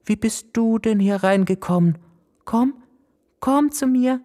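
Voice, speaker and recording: A man's voice: extremely high pitch, takes it slowly, mellow, voice pushed up. A man voicing an eager young girl who loves animals. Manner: gushing, coaxing. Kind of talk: storybook character voice.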